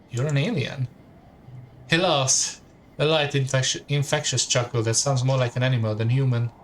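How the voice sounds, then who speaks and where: A man's voice: medium pitch, slight background noise. Man reading a game aloud. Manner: reads game text in second person, drops in casual asides. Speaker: streamer.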